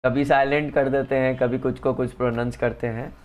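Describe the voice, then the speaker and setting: Male science tutor, mid-pitched voice, patient explainer, slows down for English terms. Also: level tone. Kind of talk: one-on-one lesson.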